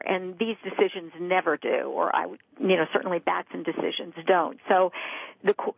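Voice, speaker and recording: Female legal guest, gravelly, deliberate and qualifying, dry narrow telephone audio. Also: lowish voice, no room sound. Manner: measured, careful, qualifying. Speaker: law school clinic director. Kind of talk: radio interview answers. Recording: narrow, muffled phone line.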